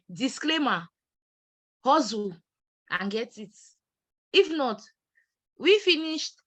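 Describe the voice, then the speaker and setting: A woman doctor, giving emphatic, animated advice on a webinar over a video call. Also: a little high, no room sound. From Cameroon. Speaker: panelist doctor.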